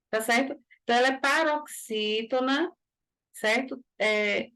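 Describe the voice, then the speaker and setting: A woman's voice: high voice, a bit bright. A woman with a Brazilian Portuguese accent teaching a grammar lesson for exam preparation, explaining step by step and checking in with frequent tag questions.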